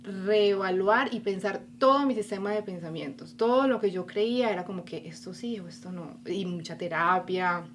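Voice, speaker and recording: A woman's voice: mid-range voice, normal speed, hardly any pauses, slight background noise. A woman from Colombia with a Colombian accent, a podcast guest telling her life story animatedly and acting out her own inner voice. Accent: Colombian Spanish. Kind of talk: casual interview conversation.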